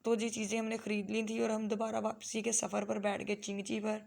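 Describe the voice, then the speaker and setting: A woman's voice: medium pitch, monotone, fairly quick, vocal fry, a little mellow. A woman with a Lahori Punjabi accent narrating her family vlog in a chatty way, slipping into Punjabi phrases. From Lahore, Pakistan. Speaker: family vlogger and mother. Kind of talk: casual vlog voice-over narration.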